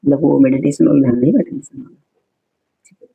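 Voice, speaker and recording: A man's voice: mid-range voice, fairly even intonation, a little fast, gravelly, dark tone, breathy edge, poor audio. A man teaching an exam-prep spelling lesson, repeating each word, spelling it out letter by letter and explaining its meaning to viewers.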